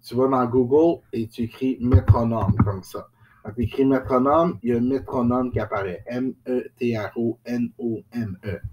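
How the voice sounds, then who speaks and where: A man's voice: mid-range voice, moderate pace, muffled recording, slight background noise. A man teaching a music lesson, patiently explaining each step and chanting rhythm syllables in time with a beat.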